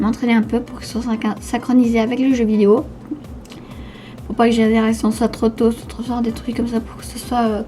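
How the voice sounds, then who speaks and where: A teenage girl with a slushy lisp on her s sounds, talking casually and haltingly as she answers questions in a vlog. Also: on the high side, warm tone. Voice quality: slushy lisp from new dental brace. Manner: hesitant, stumbling over words. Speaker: YouTube gamer answering viewer questions.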